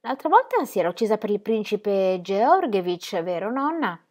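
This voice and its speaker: A woman reading aloud and voicing a lively, curious young girl who asks eager questions. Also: mid-range voice, moderate pace.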